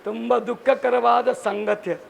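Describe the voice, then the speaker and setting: Male pastor, church sermon, very high voice, gravelly edge, fervent with jokes. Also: fairly even intonation, takes it slowly, slight background noise, poor audio. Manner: fervent preaching with joking asides; emphatic repeated scripture quoting. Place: church service.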